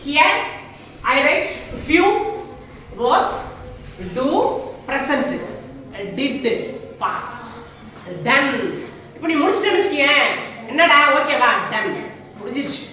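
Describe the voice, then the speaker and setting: A woman's voice: high voice, animated, very slow, pauses often, bright, forceful tone. A woman teaching English grammar in a classroom, speaking with a Tamil accent and often stopping to ask if her students follow. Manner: explains in Tamil mixed with English, asks frequent check questions. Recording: very echoey room, voice far from mic, faint background noise.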